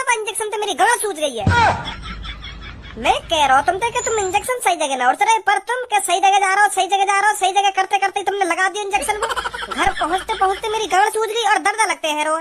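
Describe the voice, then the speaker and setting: An actor doing a squeaky, angry village man. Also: fast talker, background noise. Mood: accusing. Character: angry rural village man, a patient, quarrelsome and loud. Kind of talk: cartoon voice acting.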